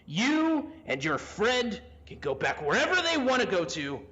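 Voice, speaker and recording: A man's voice: high-pitched, sing-song, a little slow, lo-fi sound, pitched above the performer's own voice, heavily acted. A man doing a defiant old chief. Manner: defiant, forceful.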